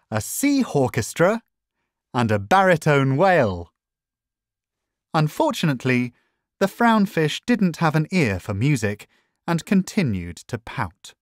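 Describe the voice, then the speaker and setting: Brief: children's book narrator, lively melodic lilt, unhurried, dry. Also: mid-range voice, dry recording. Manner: slow, lilting storytelling. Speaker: storybook reader. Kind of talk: children's book read aloud.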